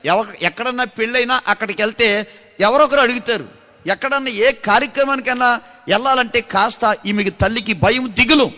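A man's voice: extremely high pitch, fairly quick, sharp tone. A pastor preaching a sermon with a Telugu accent, calling out to the congregation and acting out the people in his stories. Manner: preaches with call-and-response, acting out characters in quoted voices. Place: large church hall. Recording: echoey church hall.

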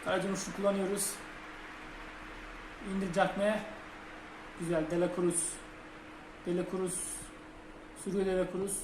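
A young man commentating his own football video game, muttering between plays and shouting at goals. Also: sits high, little pitch movement, moderate pace, long pauses, noisy background. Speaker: gaming channel host. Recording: roomy home recording with game music behind.

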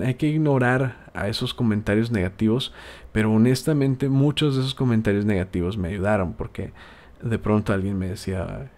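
This podcast host and video maker is a man from Tijuana whose Mexican accent colors his casual show. His voice is lowish and warm as he gives friendly, meandering advice, pausing and hesitating often.

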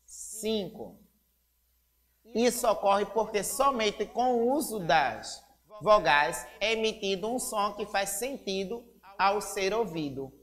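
A woman teacher with a Brazilian accent giving a slow, deliberate literacy lesson, spelling out syllables. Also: medium pitch, big-room sound. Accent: Brazilian Portuguese.

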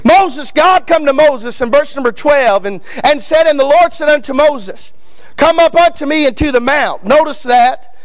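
Speaking into the pulpit mic in a church sanctuary, this Northern Kentucky man in his thirties, a visiting preacher, gives a fiery Baptist sermon at a moderate pace. His very high-pitched voice has lively intonation, and he often shouts, repeats himself, and names men sitting in the pews.

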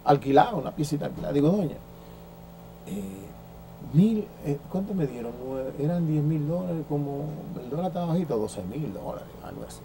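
A Dominican man in his sixties spins stories as an interview guest. He acts out the lines of the people he quotes and often restarts his sentences. His voice sits a little high and has a mellow, warm tone. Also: fairly quick, slight background noise. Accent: Dominican Spanish. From Dominican Republic. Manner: lively storyteller who acts out quoted dialogue, with frequent restarts. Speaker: former baseball pitcher, interview guest. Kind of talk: anecdotal storytelling in an interview.

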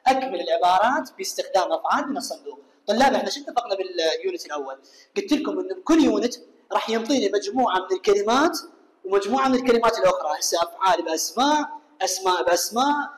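A man with an Iraqi Arabic accent, an English teacher explaining a lesson step by step and firing quick questions at his students. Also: sits high, expressive. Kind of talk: classroom explanation. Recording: echoey room with long reverb.

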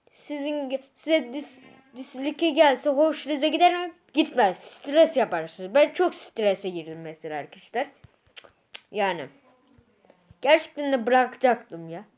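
Female gamer, high voice, agitated repetitive rant, dull lo-fi recording. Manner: agitated ranting, repeats herself a lot. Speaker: gaming YouTuber. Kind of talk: casual gameplay commentary.

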